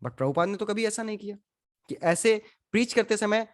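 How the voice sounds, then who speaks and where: A man's voice: high-pitched, fairly quick. A man teaching a scripture class. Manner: questions the audience, mixes in English. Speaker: spiritual teacher. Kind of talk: Gita class lecture.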